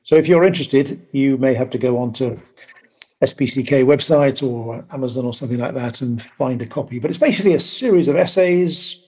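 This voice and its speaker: A man hosting a podcast over a video call, talking casually and haltingly with many pauses. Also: medium pitch, darkish tone, husky. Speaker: podcast host.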